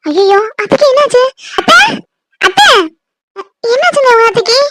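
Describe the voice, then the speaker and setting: A performer voicing a shy, caring young newlywed bride in a cartoon, speaking softly and pleadingly. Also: very high-pitched, sing-song, normal speed, slight background noise, heavily acted. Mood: alarmed. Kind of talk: cartoon voice acting.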